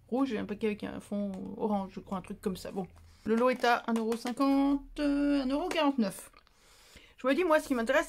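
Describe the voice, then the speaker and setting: A woman's voice: a little high, a little hiss or hum. A woman chatting casually in a craft haul vlog, rambling with fillers and making fun of herself. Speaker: craft vlogger.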